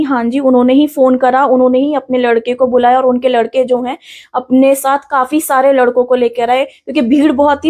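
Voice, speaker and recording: A young woman with a high, soft-toned voice tells an interviewer what happened to her. She speaks earnestly and in detail, restarting her words now and then. She sounds frightened and still in pain. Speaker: interviewee, victim of an assault. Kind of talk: recounting an incident in an interview.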